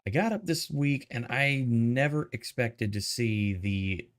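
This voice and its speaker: A man hosts a live show. He talks in a relaxed, chatty way and laughs easily. His pitch is in the middle but moves around a lot as he greets the chat. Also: unhurried. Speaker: livestream host. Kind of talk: casual livestream chat.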